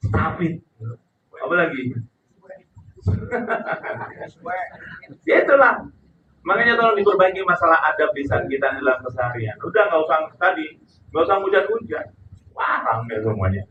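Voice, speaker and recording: A man preaching a sermon, chanting verses slowly and pleading with his listeners. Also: medium pitch, slight background noise. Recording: echoey hall heard from far off over a tinny line.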